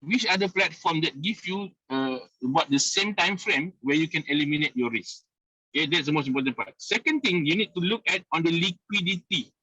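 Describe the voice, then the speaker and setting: A man speaks on a car speakerphone while driving, his voice fairly high and sharp-edged. The call audio is muffled and lo-fi but dry, with no room echo. He pitches persuasively, hammering his points home with a steady stream of "okay.". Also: brisk, slightly rough. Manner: persuasive, keeps repeating "okay" and key points. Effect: speakerphone call from a moving car. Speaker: investment group leader. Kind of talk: sales pitch on a video call. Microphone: phone or car speakerphone on a video call.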